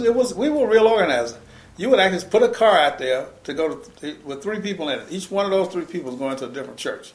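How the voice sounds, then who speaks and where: An older man tells his story in an oral history interview. He talks fast and emphatically, circling back with restarts as he pushes his point. His voice carries a roomy echo. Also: a little high. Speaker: interviewee, former civil rights organizer.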